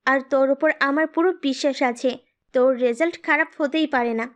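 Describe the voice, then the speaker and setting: A woman voicing a gentle middle-aged mother who speaks softly and comfortingly. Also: sits high, normal speed. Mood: reassuring. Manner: soft, comforting.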